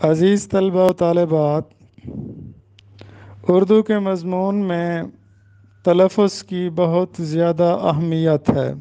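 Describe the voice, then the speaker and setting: A man's voice: high voice, steady tone, mellow, clear, resonant tone. A man with a Pakistani Urdu accent teaching a pronunciation lesson, carefully spelling out each name. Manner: measured, careful spelling out of names.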